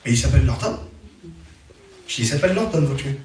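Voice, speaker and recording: A man preaching a testimony sermon, telling a story with animated rises and falls in his voice. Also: medium pitch, fast, slight background noise. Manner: animated storytelling, voice rising and falling. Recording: very echoey room, from far off.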